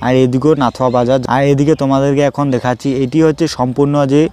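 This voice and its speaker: A fast-talking travel vlogger from West Bengal, India, has a warm, clear, resonant mid-range voice with little pitch movement. He narrates the roads and places he passes in improvised, repetitive, loosely strung phrases.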